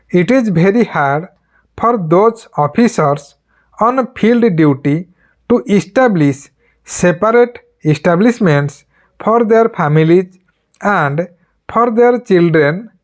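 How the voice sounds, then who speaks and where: A mid-pitched reader dictates a formal speech for shorthand practice. The pace is slow and measured. Sentences come in short, deliberate groups of words, separated by pauses. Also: darkish tone.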